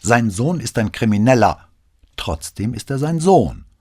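A man's voice: deep voice, very animated, normal speed, darkish tone, slightly rough, exaggerated voice. A man voicing a tired, brooding middle-aged police detective who speaks tersely in an audiobook. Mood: angry. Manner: terse, defensive, then apologetic. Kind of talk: audiobook reading.

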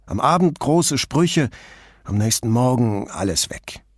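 A man's voice: medium pitch, expressive, unhurried, dry recording, studio quality. A man voicing a barman who speaks in a subdued, worn way, sometimes almost whispering. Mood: exasperated. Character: sorrowful male barman, Ruggiero.

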